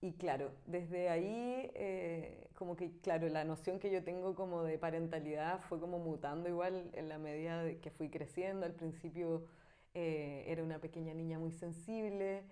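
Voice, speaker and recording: A woman's voice: on the low side, fairly even intonation, normal speed, mellow. A woman in her thirties from Chile with a Chilean accent, a guest artist chatting casually in an interview, thinking aloud with many fillers and frequent laughs. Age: 30s.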